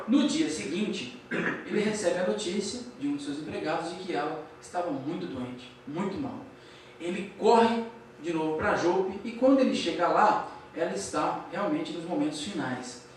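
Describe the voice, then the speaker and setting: A man giving a storytelling lecture to an audience, acting out dialogue and asking the audience questions. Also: high voice. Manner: animated, acts out dialogue, asks the audience questions. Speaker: speaker at a Spiritist public lecture. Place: large hall with audience. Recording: distant mic, very echoey hall, faint hiss.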